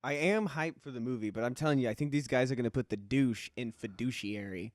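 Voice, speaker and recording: A man's voice: medium pitch, brisk, no room sound, studio quality. A man co-hosting a podcast, chiming in with agreement and wry remarks about a movie. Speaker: podcast co-host. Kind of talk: casual trailer reaction chat.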